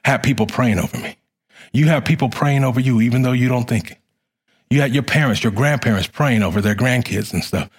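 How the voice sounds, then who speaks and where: A man's voice: medium pitch, brisk, husky. Fervent male pastor preaching. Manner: fervent, repetitive preaching cadence that swells and drops. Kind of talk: sermon.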